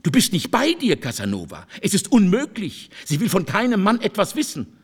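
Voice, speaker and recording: A devoted woman in love, read by a man, tender and pleading. Her lines rise and fall widely in pitch. The delivery suits a literary audiobook. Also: big pitch swings, moderate pace. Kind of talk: audiobook character reading.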